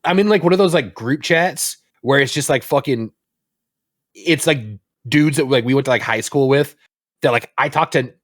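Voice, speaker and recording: A young man co-hosting a gaming podcast, talking in a loose, rambling way and swearing freely. His voice sits at an ordinary pitch. The sound is dry and close. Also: no room sound. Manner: rambling, profane, animated storytelling. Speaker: podcast co-host. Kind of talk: casual chat.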